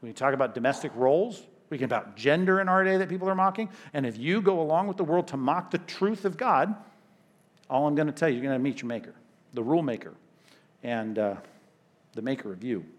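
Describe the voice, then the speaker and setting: A male pastor delivers a sermon in a fairly high voice. His talk is emphatic and repetitive, with punchy stressed lines set against hushed, quieter asides. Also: lively intonation, fairly quick.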